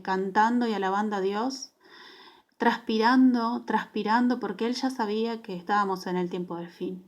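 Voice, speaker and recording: A woman with an Argentine accent giving a personal testimony about her dreams, earnest and halting, with frequent restarts. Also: mid-range voice. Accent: Argentine Spanish. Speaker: church member sharing dreams.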